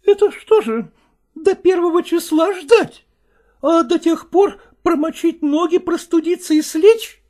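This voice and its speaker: A woman voicing a shrill, scolding estranged wife. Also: unhurried, dark tone. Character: sharp-tongued, reproachful middle-aged estranged wife.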